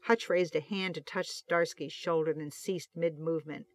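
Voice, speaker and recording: Narrator for a fan fiction audiobook with a steady, expressive delivery and a mid-range voice. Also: mid-range voice, moderate pace, dry recording.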